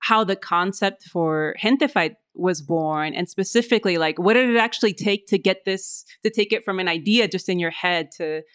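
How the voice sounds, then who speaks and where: A woman's voice: fairly low pitch, normal speed, few pauses, a bit bright, smooth, no room sound, studio quality. A woman hosting a podcast interview, asking questions in a casual, chatty way full of "like" fillers. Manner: casual, uses many "like" fillers. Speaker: podcast host.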